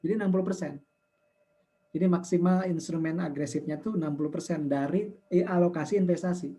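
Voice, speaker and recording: A man's voice: on the high side, a little fast. A man in his fifties, an investment community founder, explaining money rules in a talk show and acting out callers' questions. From Indonesia. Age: 50s. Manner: explaining with numbers, quotes callers in lively voices.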